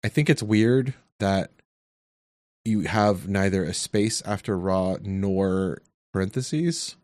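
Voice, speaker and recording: A man answering coding quiz questions in a casual tech chat, thinking aloud with hesitant pauses and many ums. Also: sits low, expressive, darkish tone, no room sound, studio quality. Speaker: quiz contestant.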